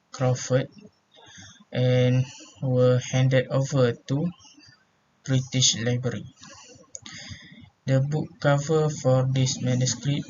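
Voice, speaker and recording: Man, Malaysian accent, student presenter, slow, flat reading, faint background noise. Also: mid-range voice, dull audio.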